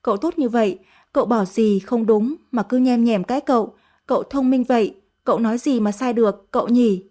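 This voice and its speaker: A woman's voice: fairly high pitch, brisk, mellow, natural voice. A woman voicing a fawning teenage servant girl who sweet-talks in a coaxing, sugary way.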